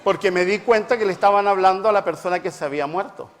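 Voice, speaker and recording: A man's voice: sits high, fast. A middle-aged man preaching a reflective talk with personal anecdotes, emphatic and repeating phrases for stress, in a hall with a long reverb. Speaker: preacher and family therapist.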